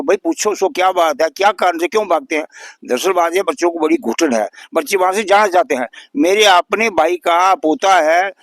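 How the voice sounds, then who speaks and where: An elderly man in his eighties speaks in a higher register than most men. His voice is dry and close, with almost no room sound. He talks earnestly and indignantly, pressing the same complaints again and again. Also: dry recording. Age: 80s. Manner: earnest, indignant, repeats points for emphasis. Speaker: local resident interviewee. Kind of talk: news interview.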